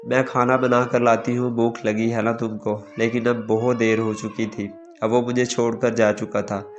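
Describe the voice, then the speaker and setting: A man narrating a sad, emotional family story in a steady, sorrowful reading. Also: medium pitch, normal speed, muffled recording. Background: faint background music.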